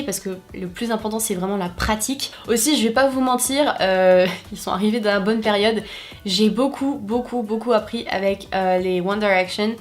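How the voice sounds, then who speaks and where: A young woman vlogger talking casually to her viewers, chatty, with many fillers and restarts. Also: fairly high pitch. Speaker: YouTuber. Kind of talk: casual talk to camera.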